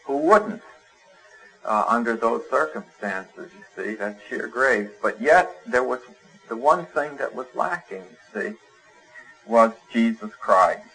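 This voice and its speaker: A man's voice: medium pitch, lively intonation, slow, sharp tone, poor audio. Male preacher, conversational sermon. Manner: conversational preaching with fillers and homely examples.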